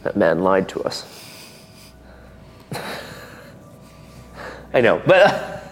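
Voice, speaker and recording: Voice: sits low, very animated, drawn-out words. A tabletop game player chatting casually and talking in character about the game. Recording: reverberant hall, faint music behind.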